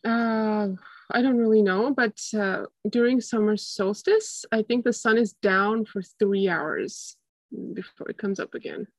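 A woman's voice: medium pitch, unhurried, dry recording. Casting: young female coach with Estonian accent, mid-range voice, conversational interview answers, very little room sound. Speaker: guest, wellness coach. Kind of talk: casual interview chat.

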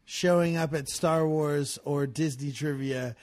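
A man co-hosting a podcast, with a fairly high voice for a man. He chats casually and banters playfully, with plenty of "uh" and "um" along the way. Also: steady tone, unhurried, a little mellow. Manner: playful, competitive banter with fillers. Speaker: podcast co-host. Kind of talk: casual chat.

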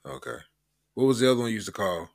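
A man's voice: lowish voice, fast talker. Playful, teasing man guest. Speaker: podcast guest. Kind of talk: casual chat.

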